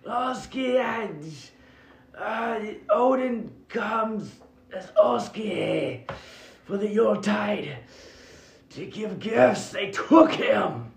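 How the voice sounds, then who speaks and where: A dying priest, burned and bleeding, gasps out each slow word in a high, gravelly, rasping voice. He coughs between phrases, and the roomy, dull recording sounds like a tabletop game session. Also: expressive, full character voice. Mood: gasping. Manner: gasping, halting, coughing. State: badly wounded, coughing.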